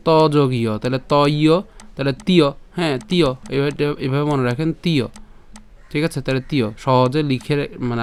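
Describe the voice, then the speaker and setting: A man with a smooth, resonant voice and a Bengali accent leads a pronunciation lesson on sacred verse. He breaks each line into syllables and repeats it patiently, at a measured teaching pace, in a middle-pitched voice. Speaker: Gita recitation teacher.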